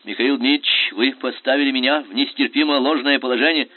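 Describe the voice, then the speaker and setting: A man's voice: mid-range voice, fairly quick, no echo, natural voice. A man voicing a proud, aggrieved officer who speaks stiffly and formally. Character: proud grumbling male orderly officer. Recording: tinny phone-like sound.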